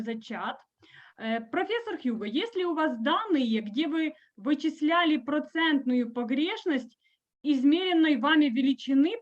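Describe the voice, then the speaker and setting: A woman's voice: high voice, highs cut off. A woman with a Ukrainian accent formally moderating a conference session.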